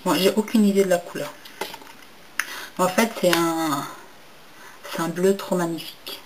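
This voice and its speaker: A young woman talks through a makeup haul in a casual, rambling way, with a slightly low voice. She hesitates often, restarts her sentences and gushes over the packaging. Faint kitchen clatter is heard in the background. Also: measured pace, a little hiss or hum, poor audio. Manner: hesitant, many fillers and restarts; enthusiastic about packaging. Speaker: beauty vlogger.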